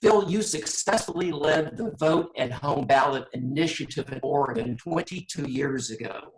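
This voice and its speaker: A man's voice: a little high, normal speed, poor audio. A man moderating a panel, formally introducing a guest before asking his question.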